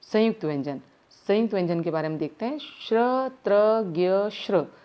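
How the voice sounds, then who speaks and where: A woman teaching primary school grammar in a slow, step-by-step way, asking her class questions as she goes, with words her speech. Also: medium pitch, clear, resonant tone, muffled recording. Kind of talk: recorded grammar lesson.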